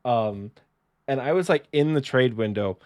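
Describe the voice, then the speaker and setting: A man's voice: medium pitch, lively intonation, measured pace, a little mellow, dry recording, clean studio sound. A man co-hosting a podcast, telling a casual story with lots of fillers, restarts and self-mocking asides. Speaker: podcast co-host.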